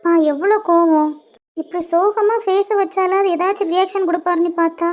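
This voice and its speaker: A woman's voice: very high-pitched, steady tone, brisk, darkish tone. A woman with a Kanyakumari Tamil accent voicing an affectionate young wife in a cartoon, speaking in a coaxing, apologetic way. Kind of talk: homemade cartoon voice acting.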